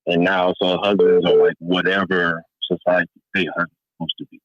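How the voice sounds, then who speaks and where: A man calling in to a talk show, his voice muffled as if heard through a wall while he thinks aloud haltingly. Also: low voice, flat delivery, no room sound. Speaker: caller. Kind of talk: call-in talk. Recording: dull, lo-fi phone line.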